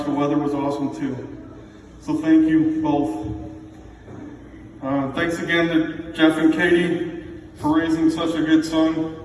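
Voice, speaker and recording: A middle-aged man gives a father of the bride speech in a very echoey hall, picked up from a distance over clear background noise. He speaks in a plainspoken, heartfelt and slightly halting way to the guests. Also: on the high side, a little mellow. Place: large reverberant indoor reception room with background noise.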